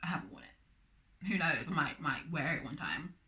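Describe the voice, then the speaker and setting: Bright, chatty young woman telling a story. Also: low voice, animated, normal speed. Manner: chatty, dramatic, acts out voices, lots of "like". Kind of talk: animated casual storytime. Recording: faint music bed behind.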